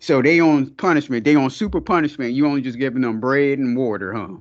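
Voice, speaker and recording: A man's voice: medium pitch, fairly quick, highs cut off. A man co-hosting a podcast in casual chat, laughing often and using loose slang. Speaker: podcast co-host.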